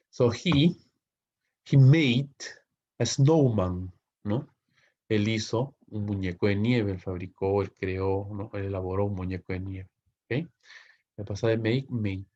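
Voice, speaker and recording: A fairly low-voiced man from Peru gives a recorded English grammar lesson in Spanish. He walks through each example, checks in with his students constantly and slows down to read the English sentences carefully. The recording sounds dull and lo-fi. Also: dark tone. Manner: explains step by step, asks students questions and keeps checking with "¿ok?"; reads English example sentences slowly and clearly. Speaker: English teacher.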